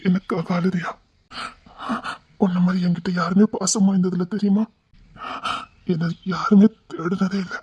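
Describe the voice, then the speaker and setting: A lonely, soft-hearted man with a Tirunelveli Tamil accent, as a woman acts him out, tearful and pleading and often dropping to a hush. The voice is dark and husky, and the recording sounds dull and lo-fi. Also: lowish voice, level tone, a little slow. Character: lonely, tender-hearted grown man, emotional. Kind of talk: emotional drama acting.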